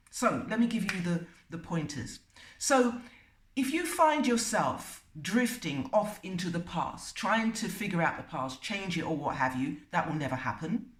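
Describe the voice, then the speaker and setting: Woman giving a slow motivational self-help talk, lots of little pauses, sounds kinda far off in an echoey room. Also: on the low side. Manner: unhurried, pausing between short phrases. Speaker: self-help video host. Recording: roomy and distant from the mic.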